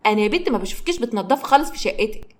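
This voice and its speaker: A woman's voice: on the high side, lively intonation, rapid-fire. A woman with an Egyptian accent voicing a bossy older aunt who scolds and mocks. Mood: scolding. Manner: scolding and sarcastic.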